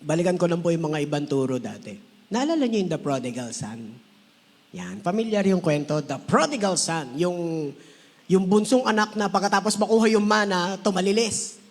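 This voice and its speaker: A man's voice: high voice, expressive, moderate pace, big-room sound. A man pastor preaching a conversational sermon, mixing English phrases in and acting out quoted voices.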